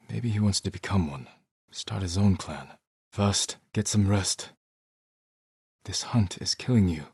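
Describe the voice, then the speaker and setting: A stern, honorable young samurai warrior from a dramatic video game speaks in a low, deep, husky voice, recorded close and dry with no room sound. His lines are terse and measured, carrying restrained, weary resolve.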